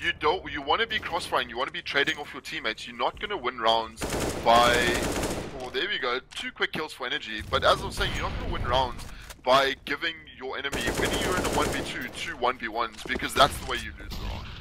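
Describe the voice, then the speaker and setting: A man's voice: mid-range voice, expressive, a little fast. A man giving esports color commentary as co-caster, explaining plays and correcting himself as he goes. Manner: explanatory, self-correcting, with some restarts. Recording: noisy stream audio with game gunfire. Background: game gunfire and clicks.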